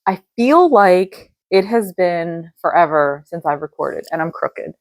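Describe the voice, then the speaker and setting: A middle-aged woman hosts her own casual solo podcast from her dining room, rambling along with lots of fillers. Her voice is fairly low, a bit nasal and congested, with lively intonation and a measured pace, and there's no room sound.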